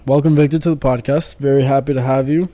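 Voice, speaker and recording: A man's voice: medium pitch, steady tone, fast, mellow. A young man in his twenties hosting a casual podcast from a home living room, teasing and joking with his guest. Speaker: podcast host.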